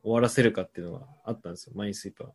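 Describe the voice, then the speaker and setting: A young adult man hosting a casual comedy chat, reading out listener answers and spinning playful, deadpan absurd riffs. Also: lowish voice, racing, slightly rough. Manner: playful, riffing on jokes with deadpan absurd claims.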